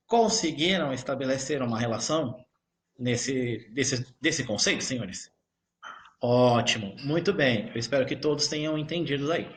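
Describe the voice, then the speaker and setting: A male teacher with a Brazilian Portuguese accent gives an online grammar lesson, explaining slowly and often checking in with his students. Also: medium pitch, expressive, slight background noise. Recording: echoey room.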